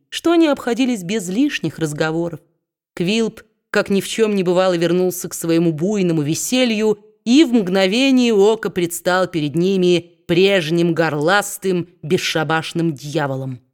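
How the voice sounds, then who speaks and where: Lower-voiced woman reading a novel. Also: a little mellow. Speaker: audiobook reader. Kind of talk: scripted narration of a classic novel.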